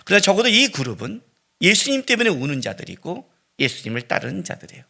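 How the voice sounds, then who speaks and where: A middle-aged man preaching a sermon as pastor, swinging between loud cries and hushed, near-whispered lines. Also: high-pitched, wildly swooping pitch, fast talker, creaky. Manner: dramatic preaching with sudden loud rises and hushed drops.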